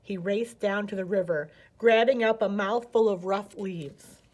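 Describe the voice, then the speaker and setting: A woman's voice: mid-range voice, unhurried, a little mellow. An American woman narrating a children's picture book expressively as a storyteller.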